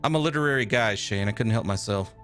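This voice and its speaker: A man's voice: lowish voice, fast talker, a bit bright, faint music behind, natural voice. A man voicing an eager, bookish teenage boy in a video game, speaking in an earnest, slightly theatrical way.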